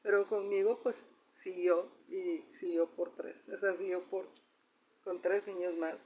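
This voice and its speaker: A woman's voice: on the low side, steady tone, unhurried. Woman, middle-aged, Mexican accent, casual storytelling vlog, muffled recording, faint hiss. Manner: chatty, ends phrases with a questioning "¿no?". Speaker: vlogger sharing personal reflections. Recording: slightly dull recording with faint noise.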